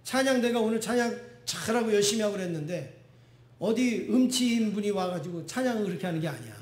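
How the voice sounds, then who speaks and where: High-voiced pastor preaching in an echoey church. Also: male voice, animated, quick pace, darkish tone. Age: middle-aged. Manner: conversational preaching, asks the congregation questions and acts out quoted voices. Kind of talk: sermon. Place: church sanctuary.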